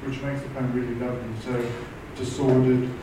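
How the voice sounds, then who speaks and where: Flat-voiced man, far off in an echoey room. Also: mid-range voice, brisk, noisy background. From South Africa. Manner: hesitant, listing words one by one. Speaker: class participant. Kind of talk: class discussion comment.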